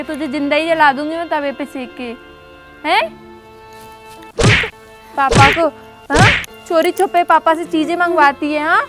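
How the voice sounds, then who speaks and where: A woman playing a shrill, cruel stepmother. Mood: scolding. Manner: harsh scolding and threatening. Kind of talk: Hindi moral-story acting. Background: background music.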